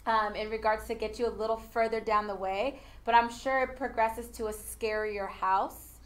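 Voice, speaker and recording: An upbeat woman hosts a casual live studio stream, her voice sitting a little high. She talks in a promotional way and fills her pauses with frequent ums. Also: steady tone. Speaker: host.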